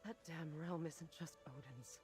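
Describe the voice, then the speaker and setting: An actress playing a grim, resolute warrior woman in a game cutscene, speaking with bitter, measured hardness. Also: low-pitched, a little mellow, soft background music.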